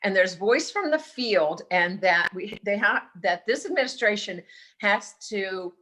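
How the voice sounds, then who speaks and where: A woman giving thoughtful, halting remarks on a video call, often restarting her sentences. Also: mid-range voice, lively intonation, fairly bright tone. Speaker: meeting participant on a science policy team. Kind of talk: online meeting remarks.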